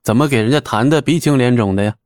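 Male audiobook narrator, mid pitch, steady and even, dry close recording. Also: fast, no room sound.

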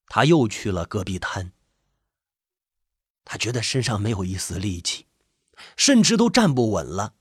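A man with a husky voice, reading a suspense story in measured, expressive narration. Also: lowish voice, dry recording, studio quality.

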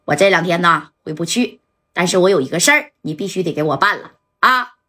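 A woman voicing a smooth-talking rich young man, who soothes people and boasts. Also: on the low side, animated, bright, forceful tone, pitched below the performer's own voice, heavily acted. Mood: commanding. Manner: soothing, boastful, drawn-out phrases.

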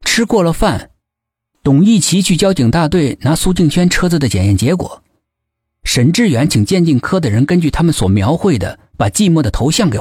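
A man narrating a suspense mystery audiobook in an expressive storytelling manner with a husky voice. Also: fairly high pitch, dry recording, clean studio sound.

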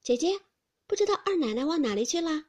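女声演绎的伶俐能干的小丫鬟. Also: female voice, high voice, sing-song, darkish tone, voice pushed up. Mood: eager. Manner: quick, eager, talks back pertly. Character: clever, eager young maid.

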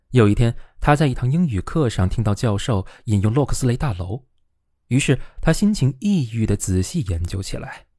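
A man narrating a novel as an audiobook reader, reading in an expressive, steady way. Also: lowish voice, no echo, clean studio sound. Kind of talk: scripted narration.

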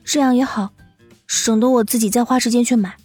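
A man's voice: extremely high pitch, fairly even intonation, fairly quick, darkish tone, slightly rough, no echo, soft background music, voice pushed up. A man voicing a timid, poor young female student who has just become a wife, speaking meekly and awkwardly. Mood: polite. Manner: meek, awkward and hesitant.

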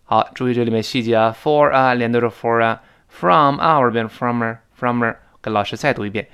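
A man's voice: medium pitch, clear, resonant tone. A man teaching English in a recorded lesson, explaining phrases and drilling pronunciation, speaking. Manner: lively, repeats and drills phrases slowly.

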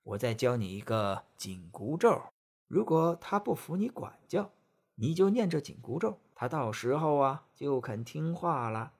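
A kindly old granny from a storybook tale, soft and coaxing, as a man puts her on. She speaks slowly and quietly, with a breathy, husky tone. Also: medium pitch, very animated, exaggerated voice. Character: kindly old woman, a goddess in disguise.

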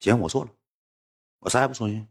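A man's voice: medium pitch, quick pace, creaky, husky, voice pushed down. A man voicing his sulky, aggrieved friend, muttering hurt complaints. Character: sulky wounded male friend, young adult.

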